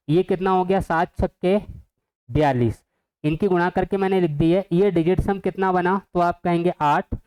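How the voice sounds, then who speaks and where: A man's voice: sits high, a little mellow, clean tone, poor audio. A man teaching an exam-prep math lesson, who keeps asking the viewers questions and then answers them himself.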